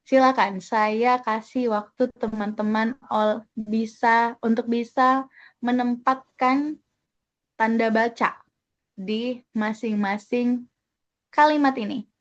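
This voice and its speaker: A woman's voice: fairly high pitch, fairly even intonation, slow pace, long pauses, lo-fi sound. A woman leading an online webinar, chatting casually and thanking participants by name as she teaches. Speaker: webinar trainer.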